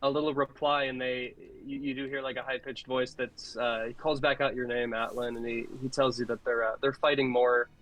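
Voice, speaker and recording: A man's voice: medium pitch, level tone, a little fast, few pauses, fairly bright tone, low-quality recording. A man serving as game master, explaining rules and narrating the scene in a laid-back, patient way. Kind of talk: running a tabletop game over voice chat.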